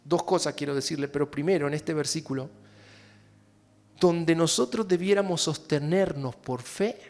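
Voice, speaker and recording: At a normal speed and a slightly high pitch, a man preaches to his congregation in an Argentine Spanish accent. He alternates between soft, hushed passages and loud, impassioned ones, speaking to the people directly.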